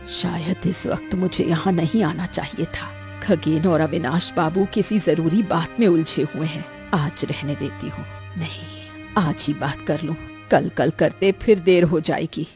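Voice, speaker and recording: A woman's voice: lowish voice, darkish tone. A woman voicing a nagging, dramatic old grandmother of five granddaughters. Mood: thoughtful. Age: older. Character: scolding grandmother of five girls.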